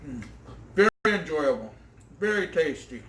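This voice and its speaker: A man's voice: fairly high pitch, sing-song, moderate pace, pushed and bright, reverberant, slight background noise. A man hosting an outdoor cooking vlog, tasting his fried fish with enthusiastic exclamations. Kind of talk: casual eating vlog.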